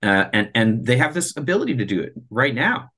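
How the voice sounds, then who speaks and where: His voice is mid-range with big pitch swings, a little fast, sharp and slightly breathy as this thirtysomething presenter earnestly explains his space project in a video call Q&A. He often restarts his words, speaking into a computer microphone in a small home or office room.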